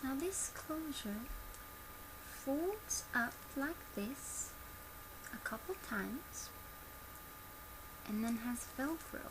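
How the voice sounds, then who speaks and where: An ASMR creator in her twenties acts as a customer service presenter, softly and quietly guiding listeners through a gentle product demonstration. Her high voice has lively intonation, but she speaks extremely slowly with long pauses. The noisy amateur webcam recording was made in a small bedroom at home, and background noise is clearly heard.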